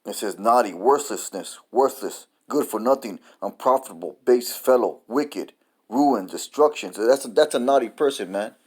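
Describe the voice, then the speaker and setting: Preaching informally at a moderate pace, this man has a mid-range, slightly rough voice with lively intonation. He swears, trips over the same words again and again, and keeps closing lines with "man" as he reads out scripture and definitions.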